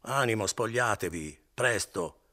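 A man voicing a wily middle-aged innkeeper in an audiobook, wheedling and falsely gentle. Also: fairly low pitch, expressive, measured pace, pitched above the performer's own voice. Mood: brisk. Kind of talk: audiobook character voice.

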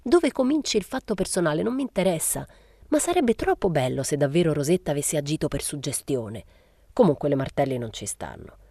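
A woman's voice: deep voice, sing-song, fairly quick, dark tone, slightly rough, no room sound, clean studio sound, exaggerated voice. A woman reading the part of a smug, sneering young male painter who lectures from his bed.

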